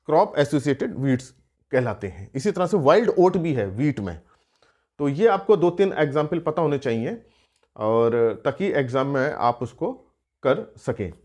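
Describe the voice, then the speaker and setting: A man's voice: medium pitch, sing-song, unhurried, darkish tone. A man teaching an exam-prep lesson on weeds, explaining step by step with rhetorical questions and frequent filler sounds.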